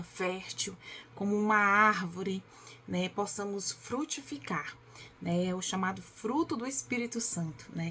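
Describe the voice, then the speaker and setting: A woman's voice: mid-range voice, a bit bright, slight background noise. A woman who reads and reflects on a Bible passage in a chatty, devotional way and often asks for agreement. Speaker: Bible teacher.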